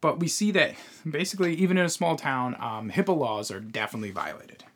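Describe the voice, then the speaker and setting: Animated man recapping a show. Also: a little high, fast talker, a little hiss or hum. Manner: animated, explains at length, swears casually. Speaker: podcast co-host. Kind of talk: casual recap chat.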